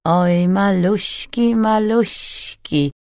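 Woman putting on a raspy greedy old thief, wheedling, drawn-out words, audiobook. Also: medium pitch, darkish tone, no room sound, studio quality.

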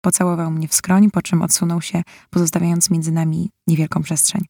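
Młoda kobieta czyta powieść w pierwszej osobie, emocjonalnie i z goryczą. Jej głos jest chropawy, z wyraźnym trzeszczeniem, a nagranie suche, bez pogłosu, tuż przy mikrofonie. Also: female voice, lowish voice, level tone, fairly quick, creaky, dark tone, dry recording, studio quality. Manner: emotional, bitter. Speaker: audiobook narrator. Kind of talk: first-person novel narration.

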